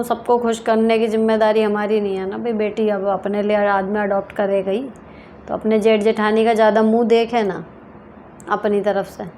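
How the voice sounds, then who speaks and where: A woman's voice: medium pitch, a little mellow, slight background noise. A woman hosting a casual advice talk, reading viewer questions aloud and answering them in a frank, direct way. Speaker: advice show host.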